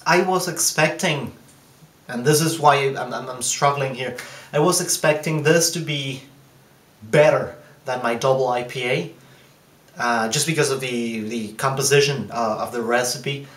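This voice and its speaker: A man giving a casual, thoughtful taste review of his own beer, pausing often with fillers and restarts. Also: medium pitch, fairly bright tone, roomy sound. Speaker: home brewer.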